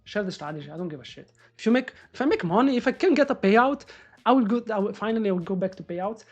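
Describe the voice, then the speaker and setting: A man doing live trading commentary on a stream, excitable and swearing as he talks to the market. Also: sits high, quick pace, muffled recording. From Morocco. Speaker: day trader live-streaming.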